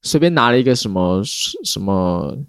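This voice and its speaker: A man's voice: deep voice, animated, moderate pace, smooth, no room sound, studio quality. A man with a Taiwanese accent, chatting casually as a podcast co-host. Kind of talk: casual chat.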